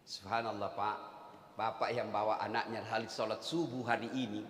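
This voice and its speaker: Male preacher, high tense voice, animated sermon, long hall reverb. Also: normal speed, a little hiss or hum. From Indonesia. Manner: animated preaching, swinging from loud to hushed. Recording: echoey hall, roomy sound.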